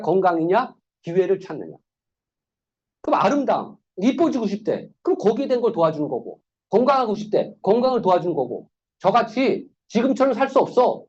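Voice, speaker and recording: A man's voice: sits high, darkish tone, husky, highs cut off. A man giving a motivational sales lecture, firing rhetorical questions at the audience and acting out little dialogues. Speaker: sales seminar speaker.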